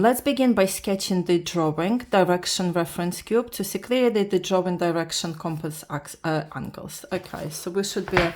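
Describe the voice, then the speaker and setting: In a casual drawing tutorial, a just-woken Latvian beginner art vlogger speaks with a Russian accent, Russian being her first language. Her medium-pitched, slightly mellow voice comes out haltingly, with frequent restarts as she reads the instructions aloud.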